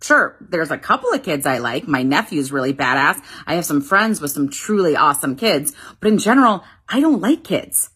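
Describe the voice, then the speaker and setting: A woman's voice: low-pitched, sing-song, moderate pace, hardly any pauses, a bit bright, breathy edge. A woman speaking candidly and emphatically to camera, with mocking asides. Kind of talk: opinion monologue to camera.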